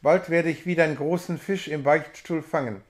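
Steadfast old village priest, read by a man, slow, gently assured, slightly high voice. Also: steady tone, natural voice. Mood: calm.

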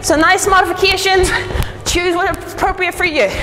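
A young woman coaching a workout as a fitness instructor, encouraging and breathy from exercise. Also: extremely high pitch, steady tone, moderate pace, bright, forceful tone. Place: large indoor studio with wooden floor. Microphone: distant camera. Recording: echoey hall from far off, noisy.

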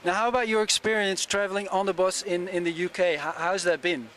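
A man's voice: high-pitched, fairly even intonation, quick pace, fairly bright tone. A man in his thirties from the Netherlands, asking questions for a documentary outdoors, hesitant and restarting his questions. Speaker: interviewer. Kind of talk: documentary street interview. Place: outdoors at a public event. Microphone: handheld mic.

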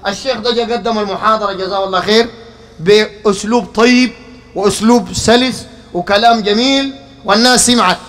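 A man's voice: very high voice, a bit bright. A man with a Sudanese Arabic accent giving a public religious lecture. He talks rhetorically, fires questions at the crowd and keeps calling for their attention.

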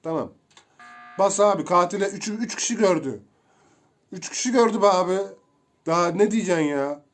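A young man giving casual, excitable commentary while playing a video game, chatting to his viewers as he goes. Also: high-pitched, brisk. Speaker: gameplay streamer.

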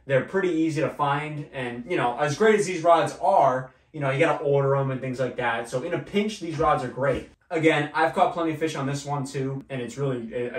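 Sitting at a table in a small room, a young man who hosts a fishing channel chats through his gear in a relaxed, mid-pitched voice with lots of fillers. The camera recording him is across the room, so his voice sounds distant and echoey.

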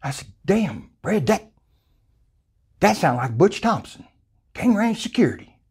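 Unhurried and high-voiced, an older South Texas man swings widely in pitch as he tells a folksy, colorful hunting story, acting out quoted lines. His tone is darkish and slightly rough, recorded on a lapel mic in a small room.

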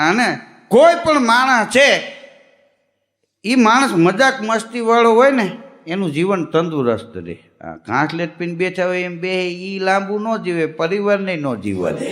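A man telling comic stories onstage, his fairly high voice leaping up and down as he acts out each character. The sound rings with long reverb, like a big hall. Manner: lively joke-telling, acting out characters' lines. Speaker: stand-up comedian. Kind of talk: comic storytelling to a live audience.

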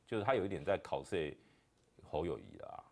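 A man's voice: sits low, very animated, a little fast, vocal fry, a little mellow. A man with a Taiwanese Mandarin accent chatting about politics on a talk show, explaining at length with repeated starts. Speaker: political commentator.

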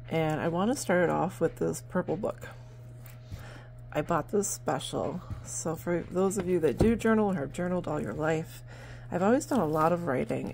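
A middle-aged woman from New Hampshire, USA, a vlogger who runs barn sales, chats casually to camera at a table in her home. Her voice is on the low side, gravelly and darkish, and her rambling talk is full of fillers, recorded on a handheld phone with a little hiss or hum.

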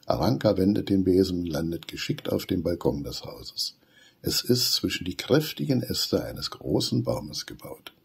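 A man reading a children's story aloud as storyteller, in an expressive, animated way. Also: low-pitched, moderate pace, creaky, husky.

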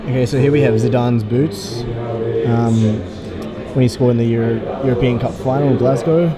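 A young man in his twenties filming a casual travel vlog with a handheld camera, excited and swearing casually as he tours a stadium. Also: mid-range voice, moderate pace, over a noisy crowd. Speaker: vlogger. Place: stadium and museum, indoors and outdoors. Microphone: camera held at arm's length.

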